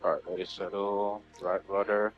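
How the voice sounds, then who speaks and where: A man's voice: on the low side, level tone, moderate pace, soft background music. A male flight instructor coaching a student in flight over a cockpit headset intercom, giving short commands and then explaining them with "right?" tags. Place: small plane cockpit, in flight. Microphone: pilot headset boom mic. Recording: dull lo-fi intercom audio.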